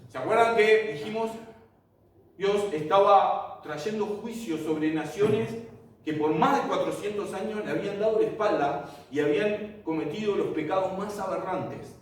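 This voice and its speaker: A man's voice: sits high, unhurried. A man teaching a Bible class, telling the story vividly and asking the class rhetorical questions. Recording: echoey room, mic far off.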